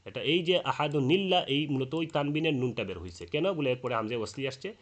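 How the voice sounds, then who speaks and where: A man giving a Quran recitation lesson, explaining rules patiently, repeating his points and chanting verses slowly as examples. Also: medium pitch, animated. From Bangladesh.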